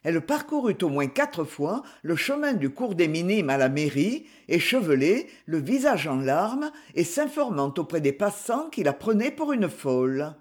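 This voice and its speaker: An audiobook reader giving steady, measured narration of a literary novel. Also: mid-range voice. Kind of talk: scripted narration.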